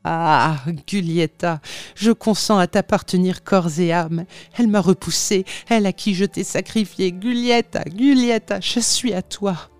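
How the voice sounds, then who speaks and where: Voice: medium pitch, unhurried, darkish tone, clean tone, no room sound, soft background music, voice pushed up, close to an everyday voice. A reader voicing a desperate young husband who pleads and cries out with passion in an audiobook reading. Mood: anguished. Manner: pleading, impassioned.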